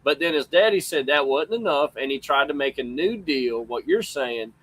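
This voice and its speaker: A man's voice: fairly high pitch, expressive, normal speed, a bit bright, poor audio. A man with a folksy drawl, casually chatting about sports as a co-host.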